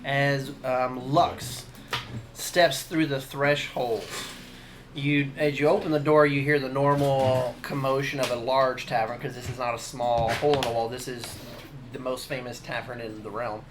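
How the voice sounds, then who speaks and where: A man narrating a tabletop game as dungeon master, halting and full of fillers. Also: medium pitch, steady tone, background noise. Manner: halting, many fillers and restarts.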